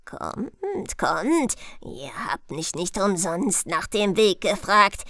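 A woman voicing Death, a bored and menacing male skeleton, with a slow, low, yawning drawl in a storybook reading. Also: big pitch swings, a bit bright, no echo, clean studio sound, full character voice.

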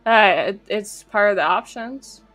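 This young adult streamer has a medium-pitched, fairly bright voice and talks a little slowly. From her small home streaming room, she offers giggly, reactive, casual commentary on a co-op horror game, recorded close on a boom-arm microphone.

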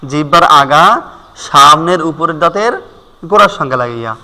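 A man teaching Quran pronunciation, speaking slowly and deliberately and drawing out each letter sound as he repeats it. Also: a little high, expressive, sharp tone, in a large hall. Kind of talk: spoken pronunciation lesson.

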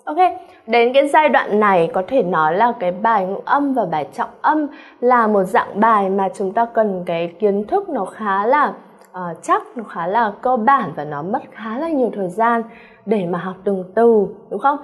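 Husky-voiced Vietnamese woman, animated English exam-prep teacher. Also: medium pitch, moderate pace. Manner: animated, keeps checking in with students; calls herself by name in third person. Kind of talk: online exam-prep lesson.

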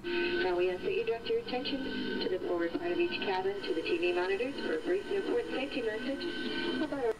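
A flight attendant on the cabin PA. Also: female voice, medium pitch, lively intonation, fast talker, long pauses, over loud music. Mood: polite. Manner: polite, formal, scripted delivery. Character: female flight attendant making cabin announcements. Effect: cabin PA loudspeaker. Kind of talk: pre-flight cabin announcement over the aircraft PA. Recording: distant, noisy cabin PA recording.

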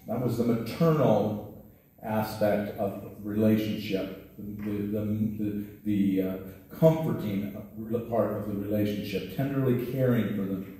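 A man's voice: fairly low pitch, dark tone. Middle-aged male pastor in echoey church. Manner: conversational preaching with frequent restarts. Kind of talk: sermon. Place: church sanctuary at a pulpit. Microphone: headset mic. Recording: roomy church echo, distant mic.

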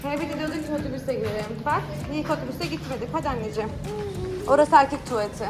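A woman's voice: sits high, quick pace, music in the background. A woman vlogging casually to her phone, chatty and exasperated as she complains. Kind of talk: casual travel vlog to camera. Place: airport, indoors with crowds.

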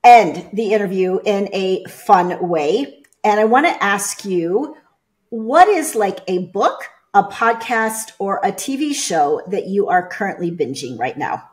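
A woman hosting an interview podcast, chatty and upbeat, often pausing on "uh". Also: mid-range voice, expressive. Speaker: podcast host. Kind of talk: casual interview.

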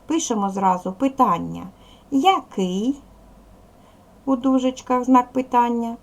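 A middle-aged woman teaching young children in a video lesson, explaining slowly and clearly with patience. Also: a little high. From Ukraine. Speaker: primary school teacher.

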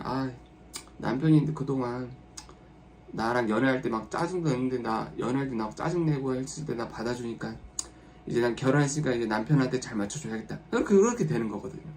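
A man chatting on a live stream, rambling and restarting as he goes. His pitch sits a little high and swings widely. He acts out spouses' lines, jumping up in pitch and loudness. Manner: rambling, many restarts and fillers. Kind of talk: casual chat with viewers.

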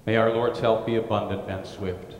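A man leading a church service, reciting liturgical prayers in a solemn, measured way, his voice carried by a cathedral-like echo. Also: lowish voice, level tone, slight background noise. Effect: cathedral-like echo with a long church-hall reverb. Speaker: pastor leading worship. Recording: echoey, reverberant large church hall.

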